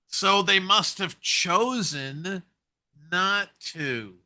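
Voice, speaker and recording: A man talking in a casual conversation, musing and telling stories with animated energy. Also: sits high, extremely slow. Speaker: co-host.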